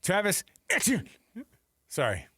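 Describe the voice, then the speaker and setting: An American man co-hosts a sports radio show, joking his way through the news rundown and acting out imagined quotes in casual banter. His high voice swings hugely in pitch and sounds pushed, bright and slightly rough, yet he speaks unhurriedly; the recording is dry with clean studio sound.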